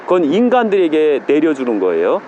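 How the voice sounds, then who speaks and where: Preachy man scolding viewers, lively pitch. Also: lo-fi sound, noisy background. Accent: regional Korean dialect, usually. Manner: scolding, preachy, switches to a deliberately low register. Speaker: YouTuber pharmacist-mystic. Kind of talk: casual vlog talk to camera. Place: outdoors and inside a police station.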